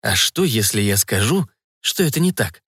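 A male narrator voicing a shy, earnest young man in an audiobook, speaking a touch higher than his own voice. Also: big pitch swings, moderate pace, fairly bright tone, breathy edge, no echo, studio quality, full character voice. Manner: hesitant and earnest. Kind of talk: audiobook reading.

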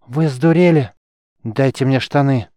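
A man's voice: mid-range voice, unhurried, dark tone, no echo, clean studio sound, pitched above the performer's own voice, natural voice. A man voicing a stubborn, hot-tempered young mage who is badly wounded and talks in a strained, urgent way. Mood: furious.

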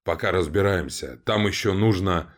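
A man's voice: deep voice, normal speed, lightly acted. A man voicing a stern middle-aged father. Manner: stern, irritated.

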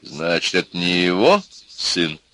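Brief: narrator as a gentle older man, measured, polite, unhurried. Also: sits low, big pitch swings, dry recording, exaggerated voice. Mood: calm. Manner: slow, polite, kindly.

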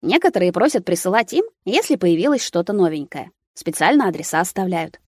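A woman voicing a scheming young witch who runs a bakery, in a storybook reading, talking in a brisk, lively way. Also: on the low side, dry recording, studio quality.

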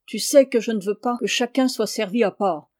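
Woman reading a gruff scolding peasant father. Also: fairly high pitch, normal speed, a little mellow, natural voice. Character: stern harsh peasant father, middle-aged man.

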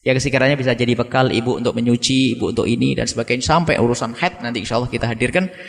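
A man preaching a sermon to a gathering, animated, climbing to high emphatic peaks and then dropping into quiet asides. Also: rapid-fire, creaky. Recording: long hall reverb.

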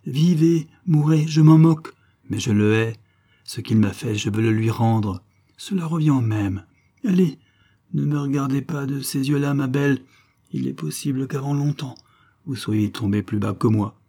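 A man's voice: mid-range voice, normal speed, warm tone, pitched above the performer's own voice, lightly acted. A man reading an audiobook, voicing a furious young woman, a scorned former mistress, who speaks with passion and scorn.

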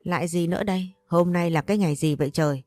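A woman plays a defiant young daughter from a storybook, whining and sulky. Her voice sits a bit low and sounds close and dry, with faint music underneath. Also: fast talker, darkish tone, no room sound, lightly acted.

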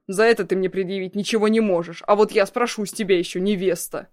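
A woman voicing a cruel young man, a blackmailing ex-fiancé, in a loud, mocking, threatening way. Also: medium pitch, fairly even intonation, fast talker, lightly acted. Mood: menacing.

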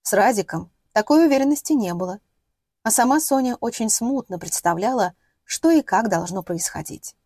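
A woman narrates a novel in a steady, measured storytelling voice. Her tone is mellow and warm, and the recording is close and dry with no room sound. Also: on the high side, husky, dry recording. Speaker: audiobook narrator. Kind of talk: scripted narration.

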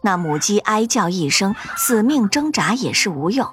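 A woman narrating a fantasy ghost story in an expressive, dramatic storytelling manner. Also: medium pitch, normal speed, faint music behind.

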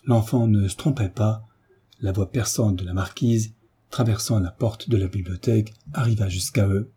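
Dark, very husky male narrator. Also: fairly low pitch, steady tone, moderate pace. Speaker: audiobook narrator. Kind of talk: novel reading.

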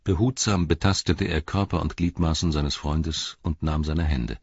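A man narrating a story in calm, even storytelling. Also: extremely low pitch, moderate pace, breathy edge, no room sound, highs cut off. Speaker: audiobook narrator. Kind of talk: scripted narration.

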